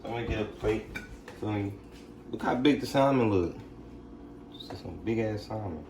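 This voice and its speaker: A man's voice: fairly low pitch, lively intonation, normal speed, far from the mic. Young man, casual cooking vlog, slangy and laid-back, echoey kitchen, faint hum. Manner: laid-back, slangy, keeps asking "you feel me?". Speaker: vlogger cooking for his family. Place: home kitchen, indoors.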